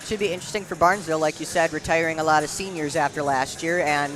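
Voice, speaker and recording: Bright, fast, high-voiced male co-commentator. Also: steady tone, soft background music, low-quality recording. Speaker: sports co-commentator. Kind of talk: casual pregame commentary.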